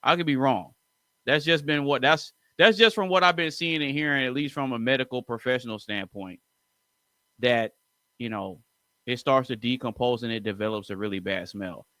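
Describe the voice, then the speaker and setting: Man with a bright, clear voice. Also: medium pitch, normal speed, dry recording. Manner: opinionated, talks straight to the viewers, lecturing asides. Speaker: music reaction host. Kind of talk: casual album reaction commentary.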